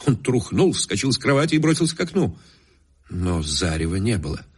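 A man narrating a classic story in a measured, expressive reading. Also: on the low side, breathy edge. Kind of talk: literary audiobook narration.

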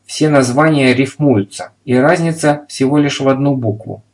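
A man voicing a meek, flustered adult lodger who sounds earnest and a little hurried, in a storybook reading. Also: mid-range voice, pitched above the performer's own voice, close to an everyday voice.

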